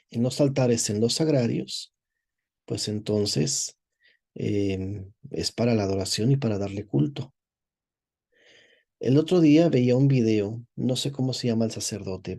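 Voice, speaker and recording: Man, priest giving a class, mellow tone, explanatory, repeats himself. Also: mid-range voice. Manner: digressive, repeats words while searching for phrasing; explanatory, asks "verdad?" to check with listeners. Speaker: priest teaching a course. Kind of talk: lecture, reading and commenting on a text.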